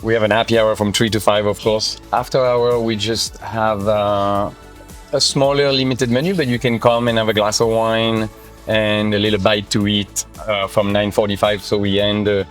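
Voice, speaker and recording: A friendly man speaks as a restaurant guest. His voice sits low and he talks in quick bursts. Faint music plays behind him. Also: little pitch movement. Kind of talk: interview guest.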